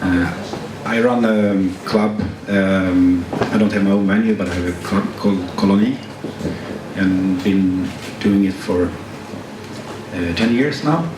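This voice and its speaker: Slow-spoken man from Sweden, echoey hall. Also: sits low. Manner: hesitant, with fillers. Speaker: panel guest, club organizer. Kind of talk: self-introduction on a panel. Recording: echoey hall, distant, noisy.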